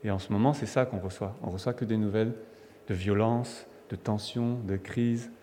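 A man's voice: lowish voice, fairly even intonation, normal speed, warm tone, a little hiss or hum. A man from France preaching a sermon in a conversational, emphatic way, with restarts and fillers. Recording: long hall reverb.

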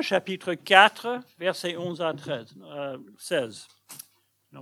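An older man from Massachusetts with an American accent, a pastor speaking French with many halting fillers as he opens a sermon with humor. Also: fairly high pitch, a bit bright. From Massachusetts, United States. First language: English. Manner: hesitant, halting, frequent fillers, self-deprecating humor. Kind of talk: sermon introduction.

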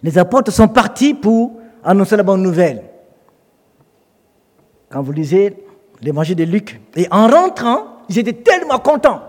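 High-voiced preacher in a reverberant hall. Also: male voice, normal speed, pauses often. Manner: animated storytelling, acts out quoted voices. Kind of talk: sermon.

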